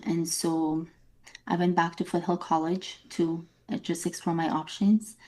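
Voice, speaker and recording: A woman from Bosnia, a therapist, answering interview questions thoughtfully with pauses. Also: on the low side, mellow. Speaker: therapist guest.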